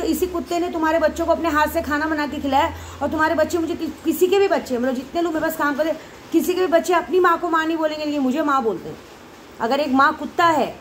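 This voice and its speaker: A high-pitched woman carrying talks straight to her followers. She goes round in circles, emotional and repetitive. Faint background noise sits under her voice. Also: poor audio. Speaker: devotee leading night prayers. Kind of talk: casual monologue to followers.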